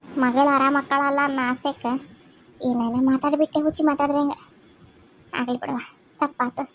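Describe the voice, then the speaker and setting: Soft and pleading, this is an older village mother-in-law, as a woman puts her on in a cartoon family drama. She talks with a North Karnataka Kannada accent and apologizes to her daughter-in-law in a lowered, humble voice. Faint background hiss lies under the speech. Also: little pitch movement, moderate pace, natural voice. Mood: remorseful.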